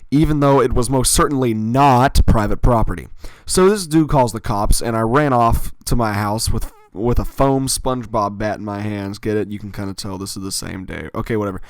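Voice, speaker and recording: A man's voice: fairly low pitch, normal speed, no room sound. A man telling a personal story in a casual, rambling way, with fillers and little self-corrections.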